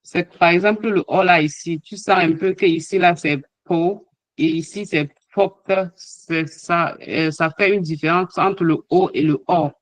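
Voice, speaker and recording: A man's voice: fairly high pitch, steady tone, normal speed, hardly any pauses, fairly bright tone, no room sound, poor audio. A man teaching an online language lesson, hesitating often with fillers as he sounds out letters and example words. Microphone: online call microphone.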